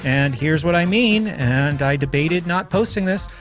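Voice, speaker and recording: A man's voice: fairly high pitch, expressive, unhurried, faint music behind. A man hosting a podcast solo in a casual, conversational and self-deprecating way, speaking into a studio microphone. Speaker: podcast host. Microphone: studio microphone through a mixer.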